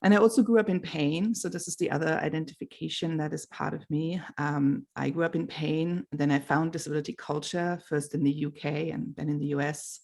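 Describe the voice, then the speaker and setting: A middle-aged woman talks thoughtfully as a panel guest, pausing now and then to find her words. Her voice has a gravelly edge. She speaks over a video call. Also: sits low, steady tone. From Germany. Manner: thoughtful, warm, with fillers and pauses. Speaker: guest artist. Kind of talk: panel talk. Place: home.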